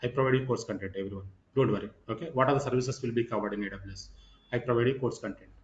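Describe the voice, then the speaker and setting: A man with a medium-pitched, racing voice gives an informal online lecture as a course trainer, repeating himself and checking in with "right" and "okay." The recording has a roomy echo and slightly muffled sound.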